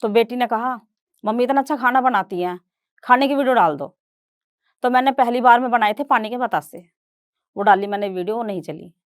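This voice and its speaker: Woman, middle-aged, stage talk, personal storytelling, quoted dialogue, fairly high voice, dry sound. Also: brisk, long pauses, no echo. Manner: lively retelling, voicing family members in quoted dialogue. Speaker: guest speaker.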